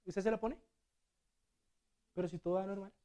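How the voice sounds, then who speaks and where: A man preaching a sermon as a deacon in a church. He swings between loud and hushed delivery and acts out the quotes. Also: high voice, steady tone, moderate pace.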